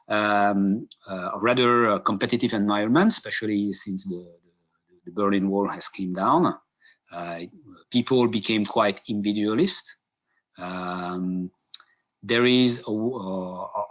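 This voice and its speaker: A man from Hungary giving a business webinar presentation, halting, with many fillers and restarts. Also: fairly low pitch, a bit bright. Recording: dull lo-fi webinar audio.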